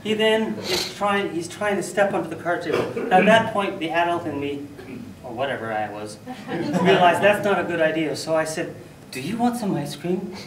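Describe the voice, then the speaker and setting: Male contest speaker telling a funny story, lively delivery, recorded far off in a roomy hall. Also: fairly high pitch, normal speed, few pauses, a crowd in the background. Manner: animated, loud bursts for sound effects. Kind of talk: humorous storytelling speech. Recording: echoey hall, mic from far off.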